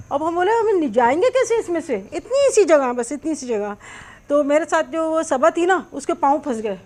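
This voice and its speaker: A middle-aged woman, host of a cooking channel, chattily telling a long personal story while she cooks, with many small fillers. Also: high-pitched.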